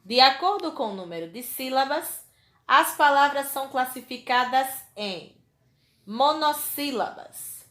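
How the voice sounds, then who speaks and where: A woman teacher giving a lesson to young children. She speaks in a slow, clear dictating manner, stretching out each example word, with a Brazilian Portuguese accent. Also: high voice, lively intonation, bright, forceful tone, reverberant.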